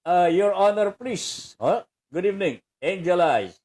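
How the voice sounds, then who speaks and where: Older Filipino man, slow chatty commentary. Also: high-pitched, lively intonation, a little mellow. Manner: chatty, laughs often, mixes in English phrases. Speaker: radio commentator host reading viewer messages. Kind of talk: casual on-air commentary.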